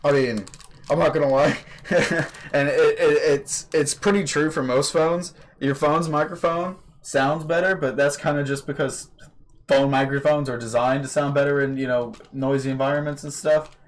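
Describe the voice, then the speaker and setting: A young man hosting a podcast talks at a moderate pace in a somewhat high voice with fairly even intonation. It's a casual, rambling chat over a voice call via computer mic, loaded with fillers and casual profanity.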